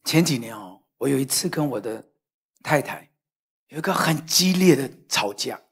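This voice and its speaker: A middle-aged male pastor, preaching to a congregation in a lively storytelling sermon that swings between loud and soft. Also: medium pitch, normal speed, creaky, slightly rough. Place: church hall, in front of a congregation.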